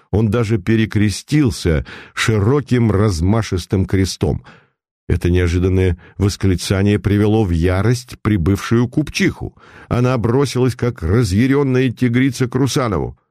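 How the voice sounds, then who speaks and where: A man reading a story aloud in measured scripted narration. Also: on the low side, lively intonation, dark tone, no echo, clean studio sound. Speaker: audiobook narrator.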